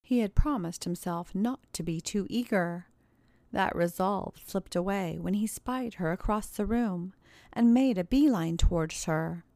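A woman narrating a story in a measured, even way and hosting her own audio channel. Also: mid-range voice, dry recording.

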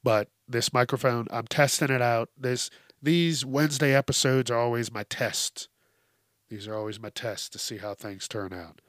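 A man hosting a solo podcast rants casually, bluntly and emphatically, with plenty of profanity, while congested from allergies. Through a close hypercardioid microphone his mid-range, fairly bright voice comes across at normal speed with no room sound.

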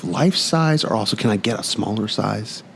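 A man's voice: lowish voice, animated, normal speed, vocal fry, a little hiss or hum. A man co-hosting a podcast from a recording studio, bantering casually, joking about himself and laughing often. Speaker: podcast co-host. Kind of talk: casual chat.

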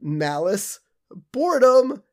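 A man's voice: very high-pitched, big pitch swings, takes it slowly. A man co-hosting a podcast, recapping an episode in casual chat, acting out quoted lines and laughing often. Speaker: podcast co-host.

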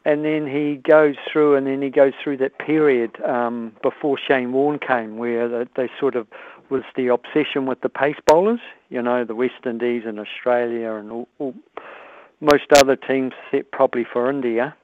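A man's voice: medium pitch, fairly even intonation, normal speed, no room sound. A man with a New Zealand accent calling in to a talkback radio show over the phone, speaking hesitantly with many fillers. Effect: heard over the phone. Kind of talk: casual phone-in chat. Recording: dry tinny phone line.

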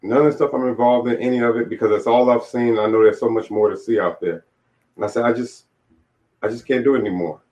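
A man in his late forties, an author, tells his life story as an interview guest, candid, reflective and plain-spoken. His mid-range voice is fast and a little mellow, and the audio is dull and lo-fi.

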